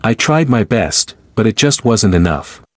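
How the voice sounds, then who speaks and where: This is a language-lesson recording in which a man reads brief answers slowly and repeats them as examples for learners. His somewhat low voice stays clear and even, and his reading is deliberate. The sound is dry and close, lacking any room ambience.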